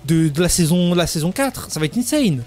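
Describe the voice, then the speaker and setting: A man's voice: high voice, big pitch swings, fairly quick, darkish tone, soft background music. A young man in his twenties, an anime YouTuber, delivering an exasperated, slang-heavy rant in a video review. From France. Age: 20s. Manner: indignant, exasperated ranting with heavy slang and swearing.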